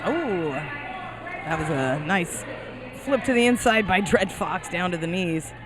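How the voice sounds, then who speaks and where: A woman's voice: fairly low pitch, animated, takes it slowly. A woman giving color commentary at a roller derby bout, chatty and upbeat, with a self-deprecating streak. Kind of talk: live sports commentary.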